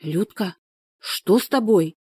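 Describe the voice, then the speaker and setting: A practical village woman speaks briskly, with worried concern and coaxing advice, as a woman reader puts her on. The voice is warm and slightly raised, dry and close to the mic. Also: lowish voice, no echo, close to an everyday voice.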